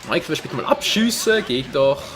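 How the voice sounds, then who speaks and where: Animated Swiss German man commentating a game. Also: on the high side, a little fast, over music. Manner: exclaims and swears at the game. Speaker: gaming let's player. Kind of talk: excitable gameplay commentary.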